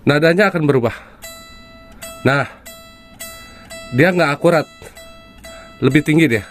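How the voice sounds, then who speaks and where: A man's voice: a little high, measured pace. A man casually explaining a guitar topic to viewers, with frequent fillers and a conversational, hands-on manner. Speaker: guitar tutor.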